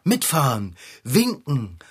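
A man's voice: medium pitch, slow, heavily acted. A man playing a good-natured bicycle repairman in a clown costume in a children's audio drama, earnest and a bit sulky. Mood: glum. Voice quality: husky, lively. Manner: earnest and easily put out, sulky.

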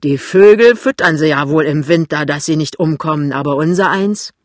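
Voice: medium pitch, moderate pace, no echo, clean studio sound, close to an everyday voice. A reader voicing a blustering fat shopkeeper. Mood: grumbling, blustering. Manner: loud, blustering. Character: gruff fat male shopkeeper, grumbling doubter. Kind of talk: audiobook reading.

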